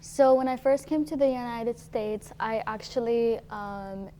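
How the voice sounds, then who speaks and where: A woman's voice: a little high, a little slow, mellow, a little hiss or hum. A teenage girl from Syria telling her story casually, often saying "like". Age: teens. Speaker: guest. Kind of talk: personal storytelling.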